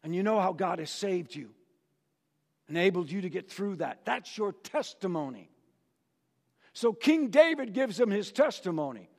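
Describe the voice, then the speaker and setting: Male preacher, storytelling sermon, dramatic, high lively voice, gravelly, church hall reverb. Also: moderate pace. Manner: dramatic, asks the congregation questions.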